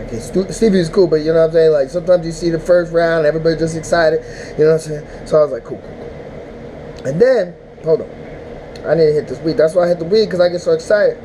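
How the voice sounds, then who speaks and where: Rambling, animated man, warm voice. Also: a little high, quick pace, slight background noise, poor audio. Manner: animated, rambling, mock-emotional outbursts. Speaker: battle rap recap host. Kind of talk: casual vlog recap. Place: indoors, smoking while talking.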